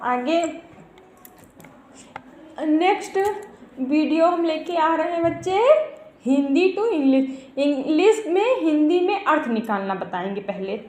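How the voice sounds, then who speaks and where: In an echoey room, a woman teacher with a high, slightly mellow voice gives a grammar lesson over a faint hiss or hum. She calls her students "beta," repeats each term, and checks that they understand.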